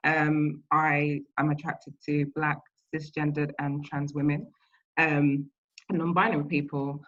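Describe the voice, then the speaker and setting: A woman in her thirties speaking on a panel over a video call, earnest and personal, halting with fillers. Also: low voice, level tone, fairly bright tone. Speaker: panelist, community event founder. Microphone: video call mic. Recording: dull lo-fi call audio.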